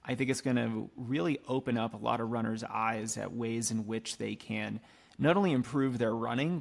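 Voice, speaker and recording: A man talks casually as a podcast host. His medium-pitched voice is noticeably creaky, with a gravelly fry running through his conversational delivery. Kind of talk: casual interview.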